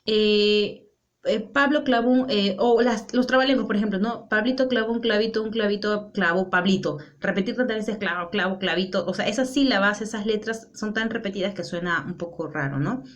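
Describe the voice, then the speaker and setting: Woman teacher, classroom explanation, keeps asking "right?", mid-pitched voice. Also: normal speed, dull audio. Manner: explanatory, with frequent rhetorical "¿no?" checks. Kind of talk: classroom lesson.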